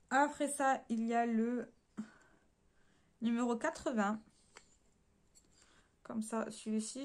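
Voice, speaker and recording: Speaking at an everyday mid pitch with a darkish tone, a beauty vlogger runs through a casual haul. Her delivery is loose and chatty, full of fillers and mid-sentence corrections, as she addresses viewers directly and shows swatches.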